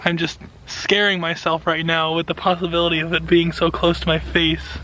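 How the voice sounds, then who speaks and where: A man's voice: a little high, flat delivery, moderate pace, sharp tone, slight background noise, rough recording. An enthusiastic man giving casual hands-on commentary as a gardening vlogger.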